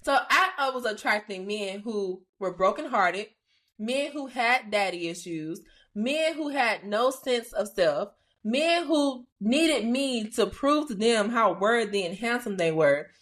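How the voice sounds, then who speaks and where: A woman's voice: fairly high pitch, lively intonation, unhurried, fairly bright tone. A woman hosting a faith-based podcast, talking casually and expressively, laughing often and dropping slangy asides. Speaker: podcast host.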